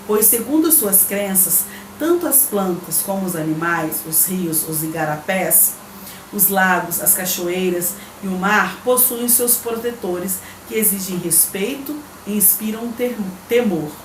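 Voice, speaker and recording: A woman's voice: medium pitch, expressive, measured pace. A woman teacher with a Brazilian Portuguese accent, giving a recorded remote lesson. She reads the textbook aloud, explains it patiently and checks in with her pupils. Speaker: primary school teacher. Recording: echoey room with faint background noise.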